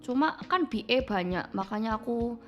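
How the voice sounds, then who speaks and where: Chatty high-voiced Indonesian woman streamer. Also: lively intonation, normal speed, muffled recording, music in the background. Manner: playful, chatty, talks directly to viewers. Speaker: livestream host. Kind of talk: casual livestream chat reading viewer comments.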